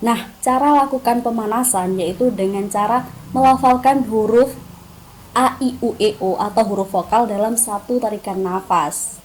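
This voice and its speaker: A young woman talks through voice-over tips in a casual, chatty way, tossing in playful jokes at her own expense. Her voice sits a little high but sounds mellow and warm. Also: low-quality recording. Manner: chatty, playful, self-deprecating asides. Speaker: voice-over tutorial host. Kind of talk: casual tutorial chat.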